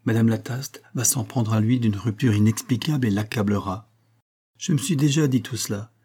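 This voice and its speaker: A man reading aloud voices a young woman who speaks softly but firmly, with pained resolve. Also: on the low side, moderate pace, breathy edge. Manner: soft yet firm, pained.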